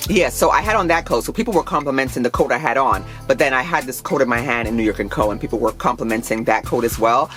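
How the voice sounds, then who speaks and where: A woman in her thirties talks in a loose, chatty way, gushing with enthusiasm. She is a fashion vlogger speaking casually to her viewers, with soft music playing faintly behind her. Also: a bass voice, fast talker, few pauses. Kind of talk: casual chat.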